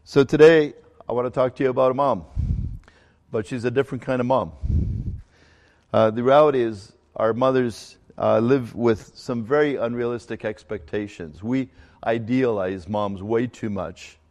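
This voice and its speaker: A middle-aged man from Ecuador preaches from the pulpit in a relaxed, conversational sermon. His delivery halts now and then with fillers and restarts. His mid-range voice rings out with a long reverb, as in a church sanctuary. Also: mid-range voice, moderate pace. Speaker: pastor.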